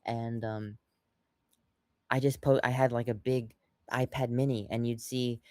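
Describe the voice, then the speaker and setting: A man's voice: medium pitch, level tone, measured pace, mellow, dry recording, clean studio sound. A young man co-hosting a podcast, rambling through casual chat with lots of fillers and restarts, acting out quotes along the way. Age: young adult. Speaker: podcast co-host.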